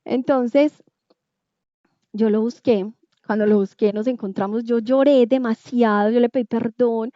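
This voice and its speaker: A woman with a Colombian Spanish accent giving a personal faith testimony, emotional and acting out her dialogues with quick shifts in tone. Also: a little high, fairly even intonation, no room sound. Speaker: testimony speaker. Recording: dull, muffled sound in a dry space.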